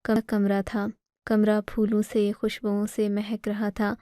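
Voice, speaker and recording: A woman storyteller reading a first-person moral story in a steady, even way. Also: medium pitch, no room sound, clean studio sound. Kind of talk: scripted first-person narration.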